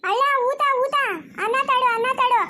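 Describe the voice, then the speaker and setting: A woman putting on a high-pitched, simple village bride. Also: steady tone, normal speed, sharp tone, a little hiss or hum. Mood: singsong, insistent. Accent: Chikkaballapur rural Kannada. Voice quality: high, chanting repetition. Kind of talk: village comedy skit.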